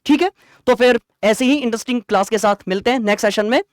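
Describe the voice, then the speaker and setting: In a very high-pitched voice, a male instructor runs an online exam-prep class, quizzing students with rapid rhetorical questions and defining terms simply. The recording is studio quality, without any room sound.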